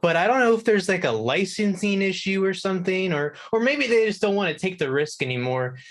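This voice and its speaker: A guest on a gaming talk segment, who contributes to video game coverage, chats casually and hedges, thinking aloud as he answers. His voice is high-pitched and a little fast, with lively intonation.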